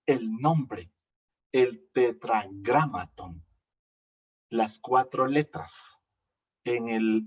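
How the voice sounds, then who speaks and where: Male preacher, slow and deliberate, repeats himself and quizzes the pews, mic a bit distant. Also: medium pitch, breathy edge. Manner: slow teaching, repeats phrases, asks the congregation questions. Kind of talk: sermon. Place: church.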